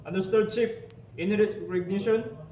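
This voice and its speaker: A man with a high voice, fairly even intonation and a slightly quick, lightly acted delivery plays a ship captain in an amateur maritime emergency role-play. He makes formal marine radio calls, repeating call signs and signing off with "over." The recording sounds dull and distant in an echoey room, with a crowd behind him.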